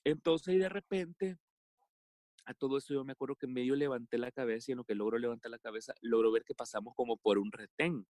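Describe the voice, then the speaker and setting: A man from El Salvador with a Salvadoran accent, telling a personal story as a podcast guest in a halting way, with many fillers and restarts. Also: medium pitch, a little mellow, no echo, clean studio sound. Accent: Salvadoran Spanish.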